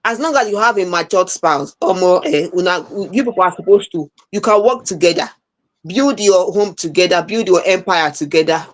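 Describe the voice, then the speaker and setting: A woman's voice: fairly low pitch, normal speed. Nigerian woman chatting in Nigerian Pidgin. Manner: speaks Nigerian Pidgin mixed with English. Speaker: co-host of an entertainment talk show. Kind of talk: casual chat.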